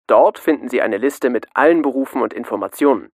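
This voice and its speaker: A man's voice: medium pitch, lively intonation, brisk, a little mellow, no echo, studio quality, close to an everyday voice. A man acting a polite hotline clerk, in a scripted language-course dialogue. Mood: polite, helpful. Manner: polite, formal customer service voice. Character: polite male advice hotline clerk taking a call.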